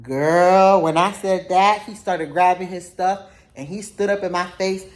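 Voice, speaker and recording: A young adult woman telling a dramatic story in a casual vlog, animated and profane, with sudden high-pitched outbursts. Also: measured pace. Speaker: storytime vlogger.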